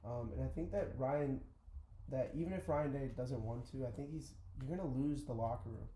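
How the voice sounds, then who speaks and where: A man's voice: medium pitch, moderate pace, warm tone. A young man co-hosting a casual sports podcast, loose and chatty. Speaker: podcast co-host. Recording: roomy echo with faint noise.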